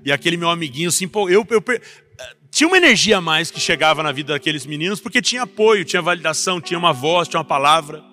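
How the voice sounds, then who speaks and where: A young Brazilian man preaching a personal testimony as a pastor, rising to intense passages and dropping back soft. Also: fairly high pitch, expressive, quick pace. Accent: Brazilian Portuguese. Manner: builds to intense raised passages, then drops soft. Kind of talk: sermon testimony. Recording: faint music underneath.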